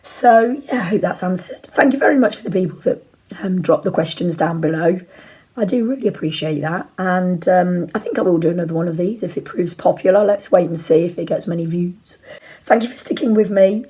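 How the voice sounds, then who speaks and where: A woman in her forties talks to camera like a chatty video blogger. Her voice sits fairly low and is husky and croaky, as if she is under the weather. She rambles candidly and informally as she answers questions. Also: brisk, mellow. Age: 40s. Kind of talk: casual chat to camera, answering viewer questions. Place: bedroom at home, indoors.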